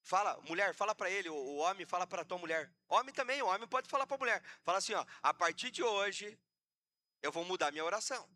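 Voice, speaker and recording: A man's voice: high-pitched, lively intonation, fast talker, pushed and bright. A man preaching a sermon as pastor in a Brazilian accent, passionate and acting out the voices of church members. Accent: Brazilian Portuguese.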